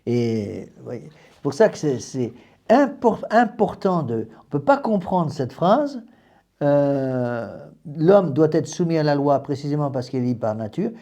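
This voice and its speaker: Emphatic priest with a mellow voice. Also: male voice, on the high side, big pitch swings, unhurried, lo-fi sound. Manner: emphatic, repeats words and restarts phrases. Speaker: priest giving a class. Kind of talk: doctrinal lecture to a small group.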